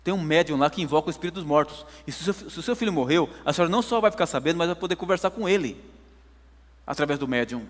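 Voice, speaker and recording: A man's voice: a little high, expressive, racing, long reverb tail, close to an everyday voice. A man voicing a helpful neighbor woman who coaxes and persuades, inside a sermon story. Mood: coaxing. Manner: coaxing, persuasive.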